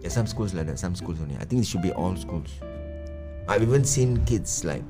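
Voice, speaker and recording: Singaporean male, low register, opinionated casual talker, music bed of guitar. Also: expressive, fairly quick. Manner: colloquial, opinionated, uses Singlish particles. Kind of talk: casual chat. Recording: music playing under the voice.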